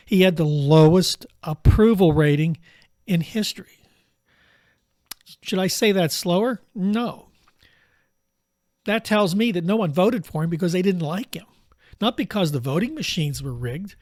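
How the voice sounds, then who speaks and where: A man's voice: high-pitched, no room sound, studio quality. A man giving a casual, sarcastic political monologue, wandering off topic and talking straight to his viewers. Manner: sarcastic, digressive, conversational. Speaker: political commentator.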